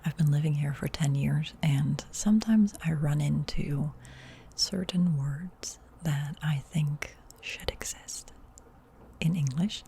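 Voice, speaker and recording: Low gravelly whispering woman. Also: slow, slight background noise. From Netherlands. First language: Dutch. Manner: soft whisper, rambling and chatty with many fillers. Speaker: ASMR YouTuber. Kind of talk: whispered role-play.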